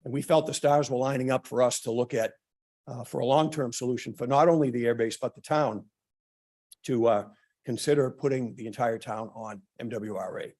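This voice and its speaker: A town official delivers prepared remarks at a public meeting, his mid-range male voice beginning to turn hoarse and interrupted now and then by throat-clearing. He speaks haltingly, with plenty of uhs and ums, in a fairly even, slightly mellow intonation.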